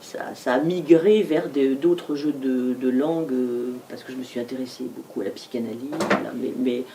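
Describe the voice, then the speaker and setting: A woman speaking at a bookshop author talk, halting, with frequent fillers and repeated words. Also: extremely low pitch, fairly even intonation. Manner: hesitant, frequent fillers and repetitions. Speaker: novelist guest at a bookshop talk. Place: bookshop event. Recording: distant mic, faint room noise.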